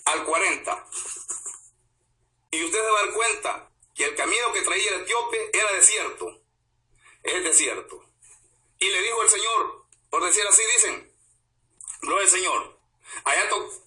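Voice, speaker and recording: A man preaching a sermon as pastor, swinging from hushed asides to shouts. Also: high-pitched. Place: church. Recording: echoey church, voice from a distance.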